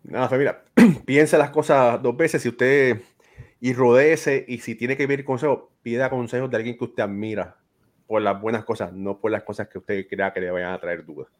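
A man with a medium-pitched, steady voice at normal speed hosts a casual podcast over a video call. Earnest and fatherly, he hands out life advice and often finishes his sentences with a questioning tag.

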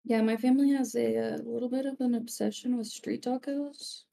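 A woman's voice: a little high, fairly even intonation, a little fast, gravelly, warm tone, a little hiss or hum. A woman joining a podcast call, chatty and enthusiastic. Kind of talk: casual chat on a call.

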